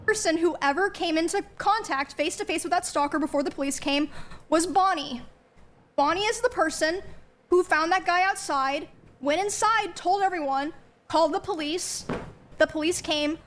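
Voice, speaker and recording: A woman's voice: very high voice, moderate pace, fairly bright tone. A young woman, a streamer, giving a candid spoken account of her own experiences, hesitant and full of ums and likes. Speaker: streamer recounting personal events.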